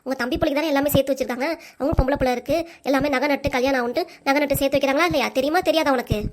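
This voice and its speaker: A woman voicing an angry mother and wife in a cartoon, scolding sharply and without pause. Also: high-pitched, steady tone, lightly acted. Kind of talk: cartoon voice acting.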